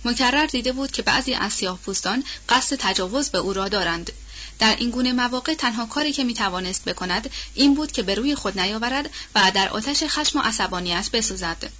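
A woman narrating a novel as an audiobook, with steady and formal literary delivery. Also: fairly high pitch. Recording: dull lo-fi audio.

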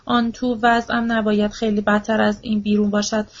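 A woman's voice: mid-range voice, level tone, lightly acted. Woman reading as a frantic old widow, pleading and repetitive. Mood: bitter. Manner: frantic, repeats herself, pleading. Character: grieving, desperate old widow, shrill and pleading. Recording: dull lo-fi audiobook recording.

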